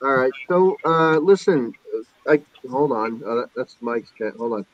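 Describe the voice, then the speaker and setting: A man's voice: mid-range voice, lively intonation, unhurried, a little hiss or hum. A man hosting a casual DJ stream chat, joking and rambling. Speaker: host of a DJ stream. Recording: muffled lo-fi mic.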